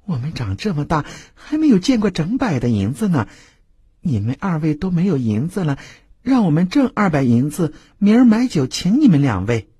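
Sly young courtesan in a high coaxing voice, as a male narrator puts her on, husky. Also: big pitch swings, moderate pace, dark tone, no echo, studio quality.

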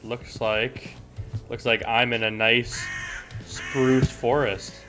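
A man giving casual, excitable gameplay commentary, exclaiming and swearing at what he comes across. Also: medium pitch, takes it slowly, music in the background. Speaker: gamer.

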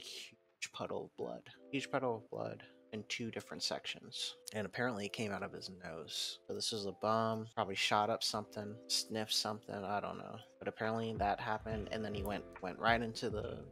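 A man's voice: on the low side, fairly even intonation, moderate pace, creaky, hardly any pauses, a bit bright. A man, a former hotel night clerk, telling blunt, rambling stories about his old job in a casual vlog. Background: background music.

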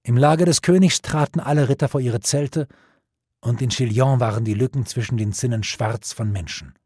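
A man narrating an audiobook in a measured, dramatic storytelling manner. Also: medium pitch, darkish tone, husky, dry recording, clean studio sound.

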